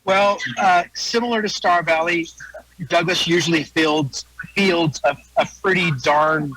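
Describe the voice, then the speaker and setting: High, bright-voiced American man, folksy sports talk. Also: steady tone, a little slow, no echo, rough recording. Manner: folksy, repeats phrases for emphasis. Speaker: wrestling announcer and guest analyst. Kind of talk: casual sports preview interview.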